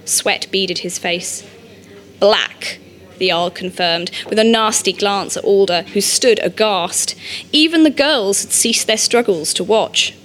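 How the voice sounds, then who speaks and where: A woman reading an audiobook, narrating in a measured, steady storytelling manner. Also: medium pitch.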